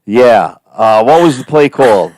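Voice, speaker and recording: Brief: man, Jersey Italian accent, chatty live-stream co-host, middle pitch, dry close mic. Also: animated, measured pace, darkish tone, no room sound. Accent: New Jersey Italian-American. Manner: rambling, many fillers and restarts. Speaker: co-host and actor. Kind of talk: casual live-stream chat.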